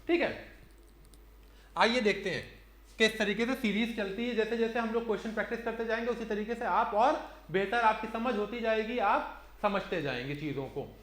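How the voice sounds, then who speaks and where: High-voiced man teaching in an echoey room. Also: normal speed, a bit bright. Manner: explains step by step, counting aloud, fillers like "theek hai". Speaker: reasoning teacher. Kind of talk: online exam-prep lecture.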